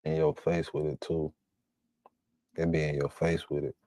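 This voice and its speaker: A man's voice: a bass voice, little pitch movement, normal speed, dark tone, no echo. A man hosting a reaction stream, speaking in blunt, repetitive slang. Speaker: stream host reacting to clips. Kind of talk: casual reaction commentary.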